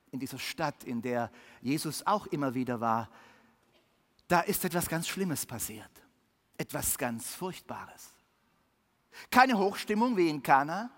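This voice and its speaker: A preacher telling a Bible story to children in a sermon, with vivid swings between hushed and lively delivery. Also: mid-range voice, in a large hall.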